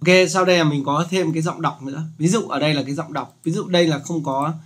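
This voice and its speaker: A man hosting a casual screen-recorded software tutorial, chatty and joking as he explains. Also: a little high, fast, faint music behind.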